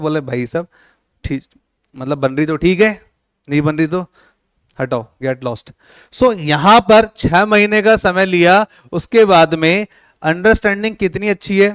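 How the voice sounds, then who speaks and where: A man's voice: a little high, smooth, no room sound, clean studio sound. A man teaching a classroom lecture, joking with and quizzing his students, mixing with words. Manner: playful, teasing students with questions.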